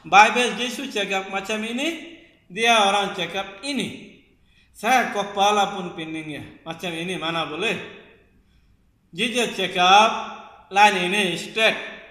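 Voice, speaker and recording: A man's voice: sits high, slow, long pauses, pushed and bright. A man arguing religion in a heated, repetitive way, sometimes half-singing the lines he quotes. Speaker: religious preacher. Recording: echoey hall reverb.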